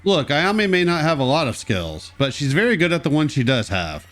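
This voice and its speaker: A man's voice: a little high, big pitch swings, normal speed, fairly bright tone, soft background music. A man giving casual, wry commentary as host of a video game let's play, with joking asides.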